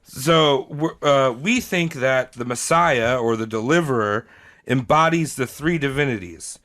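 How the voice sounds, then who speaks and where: A man co-hosting a casual comedy podcast, telling a history story in an animated way between jokes. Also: mid-range voice, measured pace. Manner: animated storyteller, breaks into laughs.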